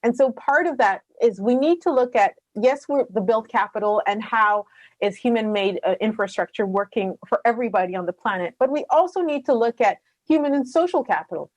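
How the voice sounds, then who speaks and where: A middle-aged woman from Rwanda speaking earnestly as a panelist, quick and passionate, with some fillers. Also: a little high, lively intonation, no room sound. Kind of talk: conference talk.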